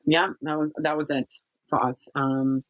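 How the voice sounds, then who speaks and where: A woman from Kazakhstan, a guest in an interview, telling her story haltingly with many pauses and fillers. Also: deep voice, little pitch movement, low-quality recording. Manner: halting, searching for words, frequent fillers. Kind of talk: personal testimony in an interview.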